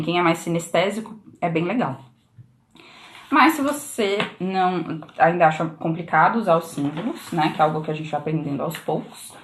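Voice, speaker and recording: Chatty Brazilian woman teaching pronunciation. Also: lowish voice. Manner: chatty, explanatory, frequent "né?" tags. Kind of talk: casual instagram live lesson. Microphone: phone camera on a live stream.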